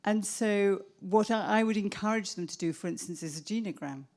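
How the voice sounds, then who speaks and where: A woman psychotherapist answering an audience question, reflective and measured, often restarting her sentences. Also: medium pitch, a little mellow. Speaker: psychotherapist speaker. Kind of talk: Q&A answer at a professional event.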